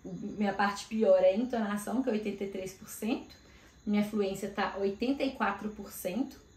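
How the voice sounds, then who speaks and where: A casual woman from Brazil, in her thirties, talks to camera as a career mentor, thinking aloud and dropping little fillers as she goes. Her voice sits at a middling pitch. The room around her is echoey. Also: normal speed, a little mellow. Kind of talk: casual vlog talk to camera. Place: home room in Australia.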